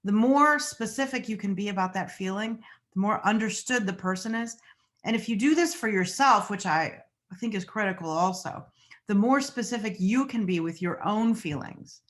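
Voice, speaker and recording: A woman in an easygoing teaching talk, explaining feelings step by step. Her pitch sits in an ordinary middle range, and she slips into livelier voices when she acts out what someone might say. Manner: conversational, acts out quoted lines with rising pitch. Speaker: mental health educator.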